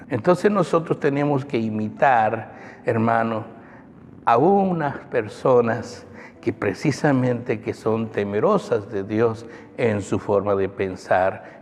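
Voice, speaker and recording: A man's voice: lowish voice, darkish tone, a little hiss or hum. A male pastor preaching a sermon in an emphatic way, often calling out to the brethren in a church. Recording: long church reverb, faint music.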